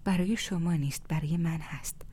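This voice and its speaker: A woman voicing a weary, proud mother who speaks softly in a half-whisper in a storybook reading. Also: sits low, slightly rough. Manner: soft, hushed, half-whispered. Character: weary, proud young mother, quiet and restrained.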